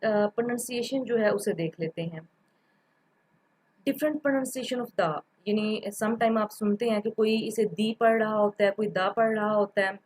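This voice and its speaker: A woman's voice: medium pitch, poor audio. A woman giving a patient, step-by-step grammar lecture, repeating examples and mixing in English terms. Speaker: teacher.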